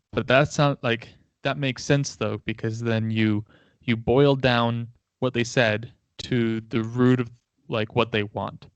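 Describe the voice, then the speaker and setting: A man's voice: medium pitch, vocal fry, clear, resonant tone, no echo. A man hosting a casual chat, thinking aloud with frequent fillers and restarts. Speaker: host. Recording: dry, dull lo-fi audio.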